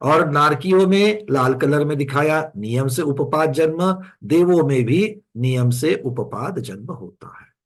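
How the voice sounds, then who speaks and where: Man, scripture teacher, slightly high voice, slow chanted verses, questions to the class. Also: lively intonation. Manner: slow drawn-out verse recitation, then explaining with questions to the class. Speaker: religious teacher. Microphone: screen-sharing online class.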